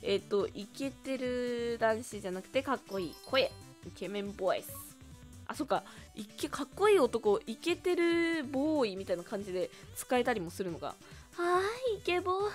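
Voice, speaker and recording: A young woman talks through a quiz game in a chatty let's-play style, reading the questions aloud and reacting to each answer. Her voice sits fairly high and swings all over the place, with soft music playing underneath. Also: lively intonation, normal speed. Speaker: game commentator. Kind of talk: casual let's-play commentary.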